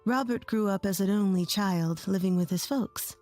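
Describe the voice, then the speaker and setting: A woman's voice: medium pitch, moderate pace, darkish tone, faint music behind. A woman in her twenties from rural Texas, telling her own story in earnest, scripted first-person narration. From rural Texas, USA. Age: 20s.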